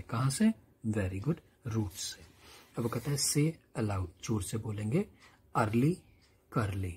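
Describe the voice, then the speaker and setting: A man with an Indian accent teaching a primary English lesson, slowly and patiently repeating words for pupils to say aloud. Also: mid-range voice, darkish tone, slightly rough. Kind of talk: classroom lesson explanation.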